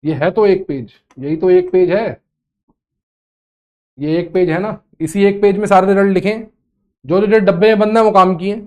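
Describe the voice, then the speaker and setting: High-voiced man teaching chemistry. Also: normal speed, pauses often, darkish tone, highs cut off. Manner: scolding, teasing, repeats phrases. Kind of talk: online lecture.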